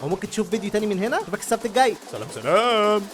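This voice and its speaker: A young man with an Egyptian Arabic accent, a gaming streamer giving excitable let's-play commentary full of shouted, teasing reactions. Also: high voice, rapid-fire, over loud music. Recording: noisy background.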